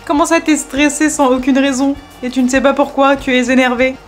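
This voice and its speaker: A woman's voice: high-pitched, little pitch movement, fairly quick, faint music behind, voice pushed up, close to an everyday voice. A woman imitating her boyfriend as a curious little creature, asking puzzled questions in a raised voice.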